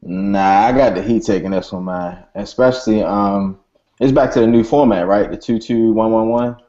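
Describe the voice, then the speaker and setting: A man's voice: lowish voice, moderate pace, mellow. A man appearing as a guest on a casual sports podcast, easygoing in manner. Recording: dull lo-fi recording.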